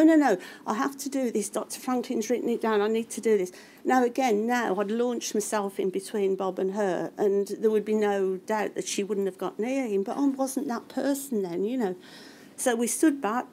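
A middle-aged woman giving testimony as a witness at a public inquiry, halting and restarting often, and raising her voice to act out what others said. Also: medium pitch, dark tone, slight background noise. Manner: halting, with frequent restarts and fillers; acts out others' words in a raised voice.

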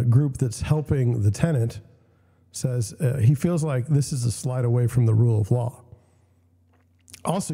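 A young adult man hosts casual commentary in a gravelly, warm, mid-range voice, scratchy and interrupted by a cough, in a big-sounding room. He reads out news and questions, gives blunt opinions, and restarts his sentences often.

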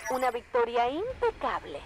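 A woman voicing a calm, businesslike mission handler in a game, giving crisp, clipped status reports. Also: a little high, normal speed. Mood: briefing. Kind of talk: scripted game voice lines. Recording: gunfire noise behind.

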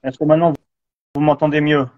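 A man's voice: fairly high pitch, level tone, fast, no echo. A man in his forties, a jiu-jitsu instructor joining by online call, his audio choppy and breaking up as he checks whether he can be heard. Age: 40s. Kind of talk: casual live-stream chat. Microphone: remote online call. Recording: dull lo-fi call line.

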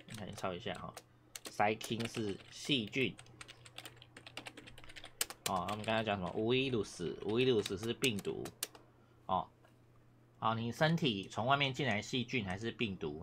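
A man's voice: fairly low pitch, normal speed, long pauses, background noise. A man teaching Japanese in a casual classroom lecture, rambling and repeating himself with many fillers, coughing now and then.

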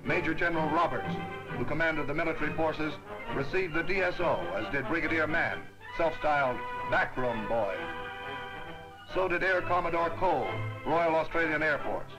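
A man narrating an old 1940s newsreel in a brisk, ceremonial announcer's manner. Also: fairly high pitch, animated, low-quality recording. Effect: old 1940s newsreel sound. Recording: narration over loud band music.

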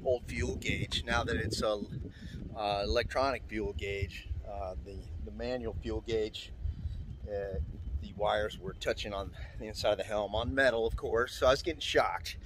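A middle-aged man with a lowish voice vlogs casually from his sailboat at a marina, speaking at a moderate pace. His relaxed narration rambles, full of "uh"s and restarts, and there's a little hiss or hum on the recording.

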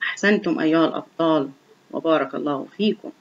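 A woman teaching young children to read in a slow, clearly enunciated, encouraging voice. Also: sits low. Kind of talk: online reading lesson for young children. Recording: dull lo-fi recording.

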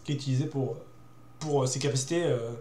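A man's voice: mid-range voice, fast talker, dark tone, slight background noise. A young man explaining in casual, hesitant talk as a show host, with many fillers, repeated words and youthful slang. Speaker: host presenting dog breeds. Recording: roomy echo.

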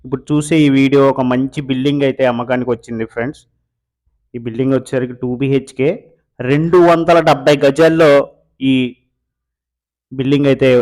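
A man's voice: medium pitch, darkish tone. A man hosting a real estate video, giving a casual walkthrough of a house for sale in a Telugu accent from coastal Andhra Pradesh. He repeats himself and calls viewers friends. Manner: repetitive, addresses viewers as friends. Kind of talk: casual property walkthrough narration.

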